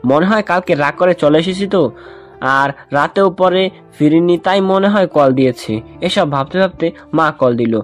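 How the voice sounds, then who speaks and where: A man's voice: a little high, normal speed. A man narrating a first-person romantic story in a chatty way, often speaking to his listeners. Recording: music bed underneath.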